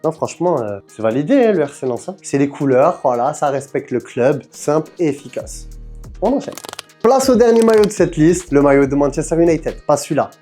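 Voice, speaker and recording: A young man with a mellow, relaxed tone presents football jerseys in a casual showcase, chatting directly to the viewer and handing out enthusiastic verdicts. Faint music plays behind him. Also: mid-range voice, brisk. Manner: chatty, addresses viewer as "mon soldat". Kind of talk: casual product showcase video.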